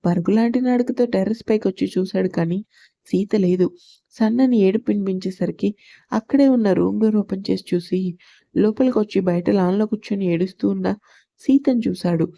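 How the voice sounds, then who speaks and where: A woman storyteller reading an audio story with steady, even scripted narration. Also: medium pitch, brisk, gravelly, no room sound.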